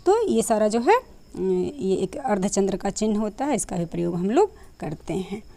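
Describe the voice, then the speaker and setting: Mellow-voiced woman teaching a grammar lesson. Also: medium pitch, very animated, normal speed. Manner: patient explaining, many fillers and rhetorical questions.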